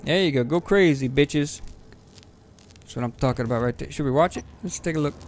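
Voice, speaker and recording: A man talks through his game in a loose, rambling let's-play commentary, swearing casually and jumping into excited bursts. His voice sits a little high with a gravelly, fry-laden edge. Faint game sounds hum underneath. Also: a little fast. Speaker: gaming video host.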